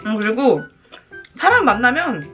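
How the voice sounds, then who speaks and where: A woman's voice: a little high, very animated, moderate pace, bright, forceful tone, faint music behind. A woman chatting casually to viewers as a mukbang host, talking between bites while she eats.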